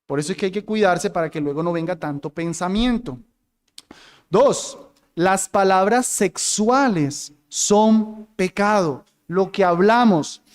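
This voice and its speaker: A man's voice: high-pitched, a little slow. A male pastor teaching a sermon to his congregation, addressing them directly and acting out tones of voice as examples. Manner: demonstrates voice inflections, talks with the congregation.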